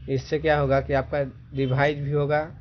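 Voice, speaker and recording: A man teaching grammar, explaining definitions slowly and repeating them so students can write them down. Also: fairly high pitch, level tone. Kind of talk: slow classroom explanation. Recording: dull lo-fi recording with faint noise.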